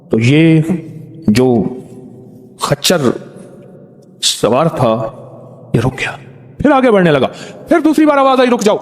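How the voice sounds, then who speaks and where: A man preaching a storytelling sermon, animated and repeating phrases for emphasis. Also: on the high side. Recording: long reverb.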